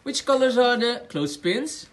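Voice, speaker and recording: A woman's voice: on the high side, lively intonation, moderate pace. A woman giving a child simple, encouraging step-by-step instructions in short phrases, often repeating answers. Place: outdoors in a small backyard. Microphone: handheld phone.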